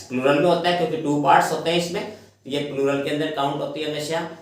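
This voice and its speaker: A man teaching an exam-prep spelling lesson, spelling words slowly letter by letter and repeating each word several times. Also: a little high, fairly bright tone. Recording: very echoey room.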